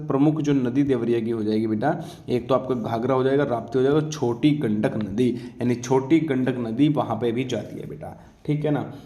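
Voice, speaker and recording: A man with a dark-toned, medium-pitched voice gives a casual exam-coaching lecture in an echoey room, peppering it with check-in tags and answering his own questions.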